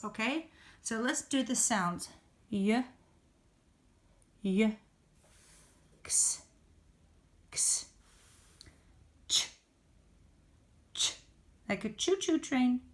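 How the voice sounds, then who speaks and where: Female primary teacher, slightly high voice, very slow delivery, exaggerated modeling of sounds and words for little kids. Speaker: teacher of young children. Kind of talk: phonics lesson for children.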